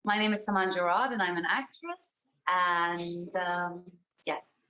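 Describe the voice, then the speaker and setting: A woman's voice: fairly low pitch, unhurried, sharp tone, rough recording. A woman who grew up in Austria, an actress, talking thoughtfully in an interview. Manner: reflective, thoughtful, hesitant fillers. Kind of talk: casual interview chat.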